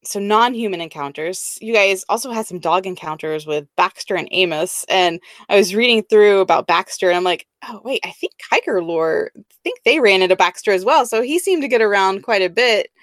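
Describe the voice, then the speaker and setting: A woman of average pitch hosts a podcast interview. She asks questions in a friendly way and often backs up her guests with short affirmations. Her voice sounds dry and close. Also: expressive, a little fast, few pauses, no room sound. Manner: friendly asking, frequent "right, right". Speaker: podcast host.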